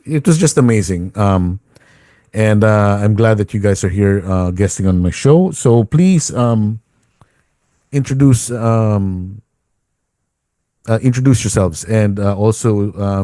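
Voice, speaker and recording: Middle-aged guy hosting an online radio show, lots of uhs, lowish mellow voice, dry close sound. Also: no echo. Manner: halting, many ums and uhs. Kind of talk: casual interview.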